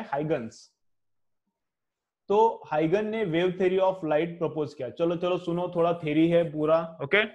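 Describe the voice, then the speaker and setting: A man in his thirties with an Indian English accent, teaching physics to a class, dictating headings slowly and asking questions that he answers himself. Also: a little high, darkish tone.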